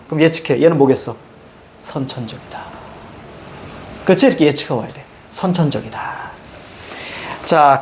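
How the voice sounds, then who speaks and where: A middle-aged man teaching a reading lesson in a classroom, directing students step by step on what to underline and circle. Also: high voice. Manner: animated, directive, drills students on reading steps. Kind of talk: classroom lecture. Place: classroom with blackboard.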